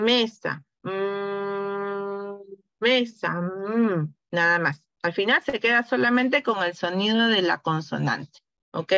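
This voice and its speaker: A woman's voice: medium pitch, a bit bright, dry recording, dull audio. A woman teacher giving an online class, patiently demonstrating and often checking in with her listeners. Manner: patient, repeats words slowly and checks in with "¿no?". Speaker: teacher trainer.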